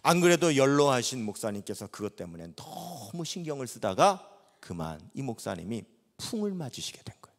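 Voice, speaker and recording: A man's voice: medium pitch, very animated, a little fast. A middle-aged man preaching a sermon at a revival meeting, telling a story dramatically and acting out the dialogue. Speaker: pastor. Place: church sanctuary. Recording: long reverb in a large church hall.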